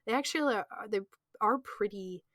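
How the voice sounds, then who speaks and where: A woman's voice: medium pitch, moderate pace, a bit bright, no echo, clean studio sound. A woman co-hosting a podcast in casual, enthusiastic chat, with lots of "like" and "um". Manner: enthusiastic, chatty, filler-heavy. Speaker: podcast co-host.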